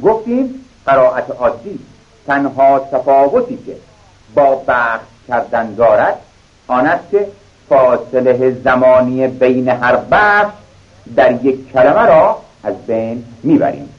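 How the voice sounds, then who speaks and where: A man's voice: medium pitch, expressive, phone-quality sound. A man teaching a reading lesson, patiently spelling out each syllable and repeating it.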